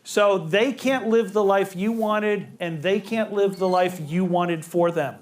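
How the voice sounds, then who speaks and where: High-voiced man giving a family seminar. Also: a little slow. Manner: conversational, acts out quoted dialogue. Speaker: family relationships presenter. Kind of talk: seminar talk to a live group.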